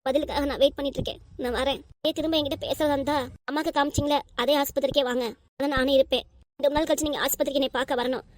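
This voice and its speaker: A woman's voice: sits high, steady tone, very fast, no room sound, lightly acted. Cartoon: woman as a persistent young nurse, southern Tamil Nadu accent, dry close sound. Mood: tearful pleading. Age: 20s. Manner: pleading, insistent, talks over objections. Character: earnest 20-year-old female nurse, lovestruck and persistent. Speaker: voice actor. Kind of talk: cartoon voice acting.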